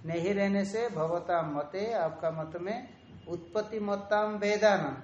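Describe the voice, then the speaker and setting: A man teaching a traditional Vedanta lesson, explaining slowly, repeating key terms and drawing out Sanskrit quotations. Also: sits high, dull audio, a little hiss or hum. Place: ashram room. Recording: echoey room, faint ambience.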